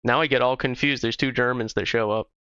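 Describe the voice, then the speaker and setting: A man's voice: medium pitch, steady tone, brisk, bright, forceful tone, clean tone, no room sound. A man livestreaming a game, chatting casually with viewers in a loose, profane way. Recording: slightly dull stream audio with music.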